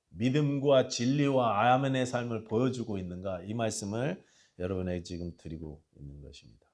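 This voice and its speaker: Impassioned Korean pastor preaching. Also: male voice, lowish voice. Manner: swings from hushed asides to loud impassioned cries; reads scripture aloud with the congregation. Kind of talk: sermon. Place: church sanctuary.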